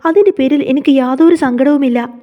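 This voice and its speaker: A woman voicing a gentle, hurt young wife who pleads, in a fast retelling of a TV serial. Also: high-pitched, muffled recording, close to an everyday voice. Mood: pleading. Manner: pleading, tearful.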